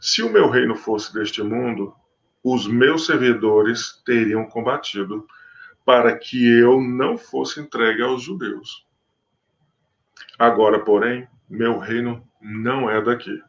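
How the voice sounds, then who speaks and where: A calm, solemn Jesus, read by a man, with each phrase drawn out slowly. The delivery is measured and steady. The sound is muffled and lo-fi. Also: mid-range voice. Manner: slow, measured scripture reading.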